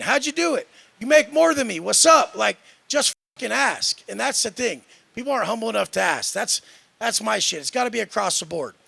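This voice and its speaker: In a dry, close recording, a fitness influencer with a high, very gravelly voice and a bright, tense edge delivers a brash, cocky rant. He swears constantly and brushes off everyone around him.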